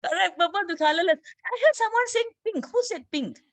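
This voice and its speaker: A woman chemistry teacher running an online revision class, quizzing students briskly and saying "okay" often. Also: very high-pitched, lively intonation.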